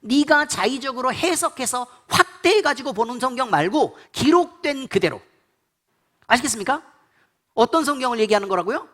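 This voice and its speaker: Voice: high-pitched, fairly bright tone. A pastor preaching a sermon in blunt, colloquial speech, repeatedly quizzing the congregation with call-and-response questions.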